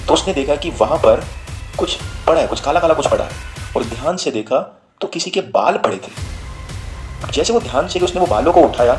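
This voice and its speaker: A man's voice: mid-range voice, low-quality recording. A man casually narrating a horror story, mixing in English words and playing the characters' lines himself. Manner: chatty, mixes Hindi with English words, plays the characters' lines.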